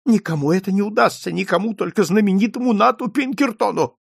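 A man's voice: fast, creaky, slightly rough, no echo, studio quality, heavily acted. A man voicing a frail, paranoid old man who is terrified and suspicious of everyone, in an audiobook reading. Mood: fearful. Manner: shrill, pleading, frantic.

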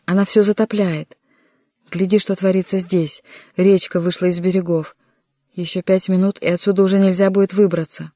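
A reader voicing a desperate young nobleman who shouts urgent warnings in an audiobook. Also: mid-range voice, little pitch movement, normal speed, no room sound, clean studio sound, natural voice. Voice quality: shouting, pleading. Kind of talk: audiobook character reading.

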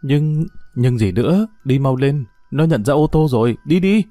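A man reading a sharp, intense young detective. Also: mid-range voice, lively intonation, normal speed, dry recording, clean studio sound, soft background music, close to an everyday voice. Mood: urgent.

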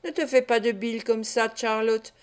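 A woman's voice: fairly high pitch, fairly even intonation, normal speed, smooth, natural voice. A woman reading an audiobook voices a scheming, gleeful old male fence who mocks and cackles. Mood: gloating.

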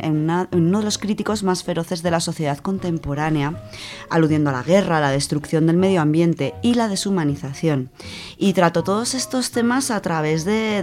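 A woman with a Spanish accent and a fairly low, slightly mellow voice contributes to a radio book segment. Her informal spoken presentation is conversational, and she repeats words as she goes.

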